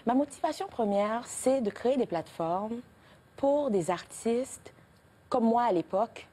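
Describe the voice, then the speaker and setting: A woman's voice: a little high, lively intonation, a little slow, mellow. A woman in her thirties from Haiti with a Haitian French accent, answering as the guest in a TV interview, earnest, with frequent fillers and restarts.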